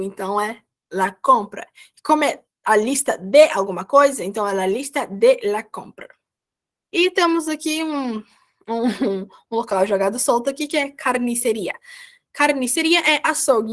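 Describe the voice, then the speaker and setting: A Brazilian woman teaching a beginner Spanish class online, repeating each word slowly for pronunciation. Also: high-pitched, a bit bright. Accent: Brazilian Portuguese. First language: Portuguese. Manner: slow, drawn-out repetition of words for pronunciation. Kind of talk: online class explaining vocabulary. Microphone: video call.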